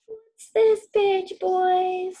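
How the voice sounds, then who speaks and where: A woman's voice: extremely high pitch, level tone. A woman teacher reading a picture book aloud to her young students and asking them questions. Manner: warm, slow, question-asking teacher talk. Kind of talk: children's read-aloud.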